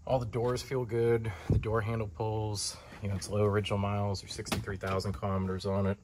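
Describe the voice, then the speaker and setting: A man giving a relaxed, conversational walkaround of a car in a large indoor showroom, speaking from behind the camera. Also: fairly low pitch, fairly quick, noisy background. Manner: relaxed, conversational, lots of fillers. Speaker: car dealer. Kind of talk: casual walkaround sales tour.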